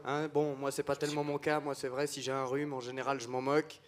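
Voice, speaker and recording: A man hosting a comedy show, introducing acts in a relaxed, chatty way. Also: medium pitch, quick pace. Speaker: host. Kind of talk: stage hosting.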